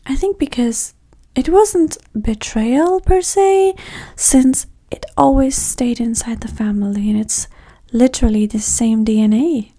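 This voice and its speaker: This ASMR roleplay features a woman as a vain, flirty date, speaking softly and often in a whisper. She sounds breathy, sassy and condescending, and her voice is a little high.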